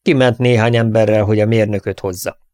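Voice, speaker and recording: Gruff, wary night guard on a ranch, read by a male narrator; low voice, dry booth sound. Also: steady tone, a little mellow, no echo, close to an everyday voice.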